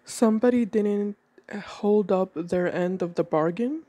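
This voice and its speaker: A woman who has a cold gives a tarot reading indoors at a table, speaking steadily and deliberately and easing her pace whenever she announces a card. Her mid-range voice has a mellow, dark quality, and the sound is close-miked and dry with no room reverberation.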